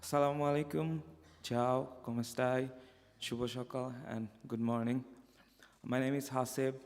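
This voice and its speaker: A young man from Bangladesh giving a prepared personal testimony at a conference, in a measured, earnest delivery with occasional restarts. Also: mid-range voice, level tone. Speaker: conference speaker. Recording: echoey hall reverb.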